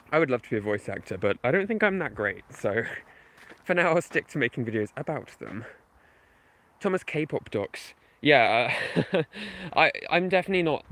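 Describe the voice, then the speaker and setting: Out on a night walk, this video game history YouTuber talks loosely with his stream viewers, rambling, filling gaps with fillers and poking fun at himself. His voice is on the high side and a bit bright.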